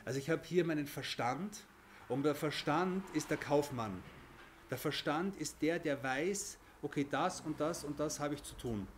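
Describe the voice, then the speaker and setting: A man's voice: on the high side, slight background noise. Man teaching a religious lesson. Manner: explains with everyday examples, many restarts and "okay?".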